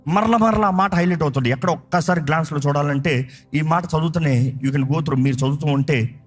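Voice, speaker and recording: A male pastor with a Telugu accent preaches, emphatically repeating phrases and drawing out key words slowly. His voice is a little high and slightly rough, with soft music in the background.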